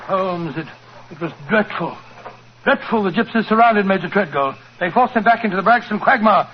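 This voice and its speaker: An actor playing an older British doctor and loyal companion in 1940s radio drama, blustery and earnest, on a dull old recording. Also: male voice, sits high, expressive, moderate pace, background noise. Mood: shaken.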